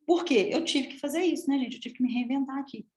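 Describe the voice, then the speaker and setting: A woman from Minas Gerais with a Minas Gerais accent, a public speaking coach giving a lively, chatty live talk and addressing the audience often. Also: high voice, fast talker, reverberant. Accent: Minas Gerais Portuguese. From Minas Gerais, Brazil. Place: room with an audience.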